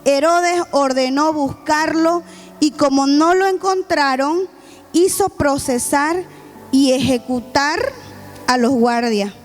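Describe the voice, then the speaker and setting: A woman's voice: sits high, slow pace. A woman preaching a sermon, retelling a scripture story with acted-out quotes and calls to the congregation. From Bolivia. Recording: faint music behind.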